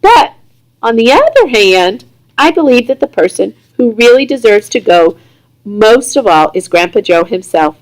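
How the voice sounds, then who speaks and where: A woman reading aloud voices a gentle father who weighs his words carefully. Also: on the high side, sing-song, poor audio. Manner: gentle, measured.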